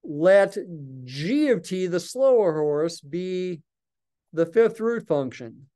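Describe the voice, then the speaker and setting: Older man, math lecturer, patient explaining, mellow tone, smooth voice, desk mic. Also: high-pitched, expressive, takes it slowly. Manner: patient, thinking aloud while writing. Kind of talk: recorded calculus lecture.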